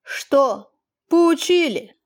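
A woman's voice: high-pitched, expressive, moderate pace, a little mellow. A woman reading an audiobook, voicing a stern landowner father whose voice trembles.

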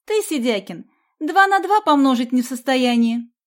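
A woman voicing a feisty, quick-tempered schoolgirl who argues in indignant, squealing retorts. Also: high-pitched, big pitch swings, a little mellow, pitched above the performer's own voice.

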